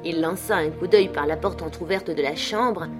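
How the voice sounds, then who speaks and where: A woman narrating an audiobook of a classic novel with an expressive, dramatic reading. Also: lowish voice, normal speed, music in the background. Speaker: audiobook reader.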